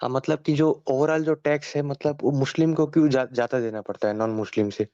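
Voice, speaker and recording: A man's voice: medium pitch, steady tone, mellow, no room sound. Hesitant man asking questions, muffled dry audio. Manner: hesitant, self-correcting, many fillers. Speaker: questioner in a debate. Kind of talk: casual debate questioning. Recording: dull dry lo-fi sound.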